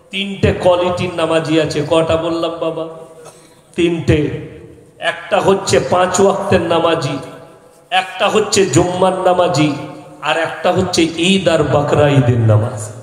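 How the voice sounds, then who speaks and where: Shouting preacher in a booming echoey hall. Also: male voice. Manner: impassioned, rhetorical questions to the crowd, bursts of shouting. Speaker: Islamic preacher. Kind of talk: fiery Bengali sermon at a jalsa. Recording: very echoey outdoor sermon sound system.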